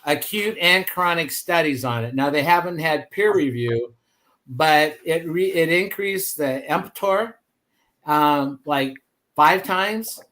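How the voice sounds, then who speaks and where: A man's voice: a little high, lively intonation, slow pace, pushed and bright. A man hosting a casual livestream chat, telling stories in a rambling way with many restarts. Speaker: host.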